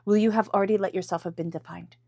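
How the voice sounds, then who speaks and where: With a head cold making her sound congested, a tarot reader gives viewers an intuitive reading, repeating phrases for emphasis. Her mid-range, dark voice holds a steady tone with vocal fry at a quick pace, and there's no room sound.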